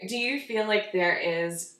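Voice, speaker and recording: A woman's voice: medium pitch, unhurried, fairly bright tone. A young woman hosting a casual interview, chatty and reflective, using many likes. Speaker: host. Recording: roomy echo.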